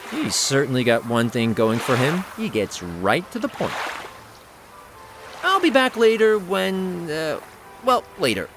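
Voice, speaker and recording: A cocky young wizard from a comic adventure game. He grumbles sarcastically in a flippant, very animated voice over faint music. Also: a little high, unhurried. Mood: dry, flippant.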